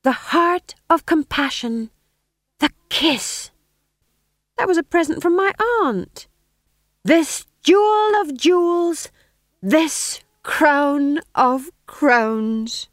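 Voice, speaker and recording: A woman's voice: high voice, lively intonation, no room sound, clean studio sound, pitched above the performer's own voice, heavily acted. A woman doing a pompous declaiming male actor. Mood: grandiose. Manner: grandiose, theatrical, slow declaiming.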